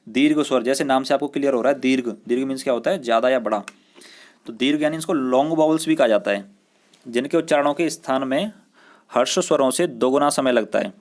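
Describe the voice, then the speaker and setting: Male school teacher, mid-pitched voice, patient, repeats and drawls out sounds for pupils. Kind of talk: recorded classroom grammar lesson.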